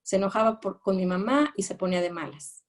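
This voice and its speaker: A woman from Mexico with a mid-range voice speaks fairly quickly, giving a psychology lecture on attachment narratives. She explains patiently, often uses rhetorical questions to check her listeners follow, and reads quoted phrases in raised, acted tones.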